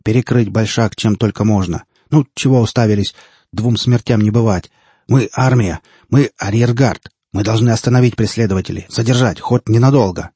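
A man voicing a weary, cursing soldier sergeant who barks hoarse orders. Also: on the low side, moderate pace, dark tone, no echo. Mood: shouting.

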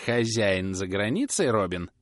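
A man's voice: fairly low pitch, expressive, a little slow, no room sound, clean studio sound. A man doing a prying, wheedling old crone. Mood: coaxing. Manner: wheedling, coaxing, then snapping. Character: grasping sly old crone, prying and fierce.

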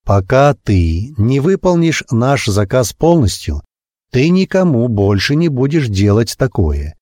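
A man voicing a stern male mountain-clan guardian in an audiobook, speaking firmly and with measured command. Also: mid-range voice, very animated, warm tone, no room sound, clean studio sound, pitched above the performer's own voice. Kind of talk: audiobook character voice.

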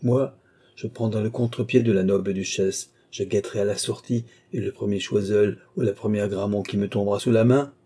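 A man's voice: lowish voice, steady tone, a little fast, mellow, husky. A man voicing a proud, witty young royal mistress in an audiobook, sulky and mock-indignant. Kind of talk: audiobook character reading.

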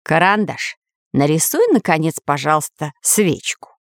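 A woman's voice: deep voice, lively intonation, measured pace, no room sound. A timid old geographer professor, as a woman reader puts him on, cautious and fussily polite in a storybook tale. Dry, close recording. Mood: pleading.

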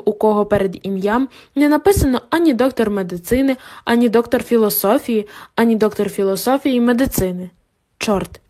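A woman's voice: on the high side, warm tone. Woman narrating an audiobook.

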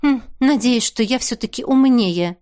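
A woman voicing a cool, sharp-tongued lawyer who answers dryly and sternly. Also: a little high, a little slow, lightly acted. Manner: dry, stern.

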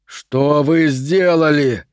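A man's voice: takes it slowly, darkish tone, no echo, studio quality. Man playing an anguished, roaring explorer. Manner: roaring, then heavy and low. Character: grieving, furious bearded male explorer.

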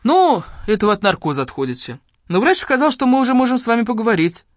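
A reader voicing a blunt, mustached middle-aged man who speaks in brisk, matter-of-fact statements. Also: mid-range voice, big pitch swings, dry recording, studio quality, voice pushed up, close to an everyday voice.

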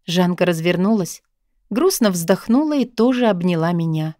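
A woman's voice: on the low side, lively intonation, moderate pace, dark tone, dry recording, clean studio sound. A woman narrating a first-person novel in an intimate, confessional way. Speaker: audiobook narrator.

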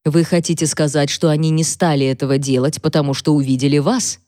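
A woman's voice: low voice, fairly even intonation, a little fast, dark tone, no echo, studio quality, natural voice. Brief: impatient male magistrate, demanding and stern, read by a woman. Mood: stern, pressing. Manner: pressing, demanding questions.

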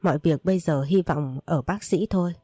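A woman voicing a calm young man who comforts the others. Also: deep voice, normal speed, no room sound, studio quality. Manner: reassuring.

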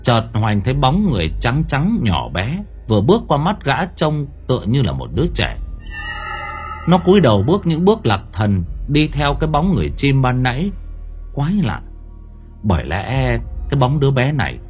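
A man narrating a horror audiobook with suspenseful, expressive delivery. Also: medium pitch, normal speed, soft background music. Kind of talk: dramatic horror story narration.

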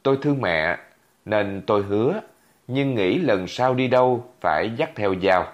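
Low-voiced man telling a story vividly. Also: animated, a little slow. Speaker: narrator. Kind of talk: first-person story narration. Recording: dull lo-fi recording.

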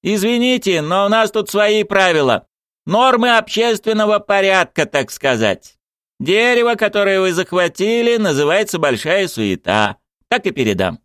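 A fussy, pompous police sergeant, overly polite and long-winded, in a high, lively put-on voice, as a male narrator plays him in an audiobook. The recording is dry and close. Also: moderate pace, clear, resonant tone, no room sound. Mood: officious. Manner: wordy, officious, pompous.

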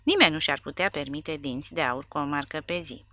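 A woman's voice: low-pitched, sharp tone, no echo, clean studio sound. A woman reading the part of a drunk, grumbling little soldier in an audiobook. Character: drunk, hiccuping small male soldier.

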